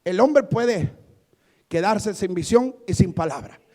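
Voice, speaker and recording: A male pastor preaching a fiery evangelical sermon, swinging from quiet asides to shouted climaxes. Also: high voice, expressive, slow.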